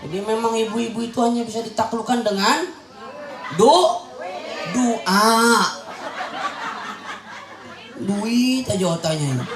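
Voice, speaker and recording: A young male preacher giving a humorous sermon to a crowd of mothers, teasing them and shouting his punchlines. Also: very high-pitched, noisy background. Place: religious gathering with an audience. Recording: echoey event hall with crowd sound.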